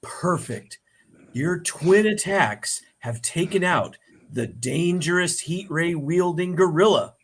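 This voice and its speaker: A man running a tabletop role-playing game as game master, cheering loudly at good rolls. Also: fairly high pitch, slow pace, slightly rough. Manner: excitable, whoops and cheers at hits.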